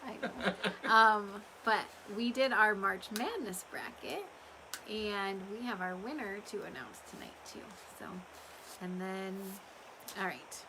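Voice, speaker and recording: A woman hosting a live update for her small business chats to customers in a casual, rambling way, speaking a little slowly. Her mid-range voice is expressive yet slightly strained from talking, and background noise is audible.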